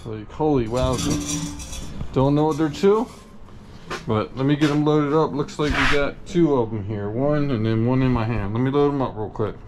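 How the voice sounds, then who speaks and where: A man vlogging as he sorts through a storage unit, talking in a folksy, unhurried way while he thinks aloud. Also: medium pitch. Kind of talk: casual chest-cam vlog narration. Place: metal storage unit and gravel lot outdoors. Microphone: chest-mounted action camera. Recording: noisy outdoor action-camera audio.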